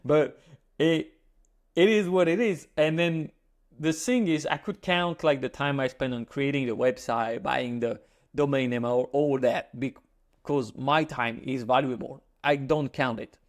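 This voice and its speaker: A man's voice: mid-range voice, steady tone, unhurried. A man from France with a French accent, talking to camera in a casual, joking monologue with self-mocking asides. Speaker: finance YouTuber.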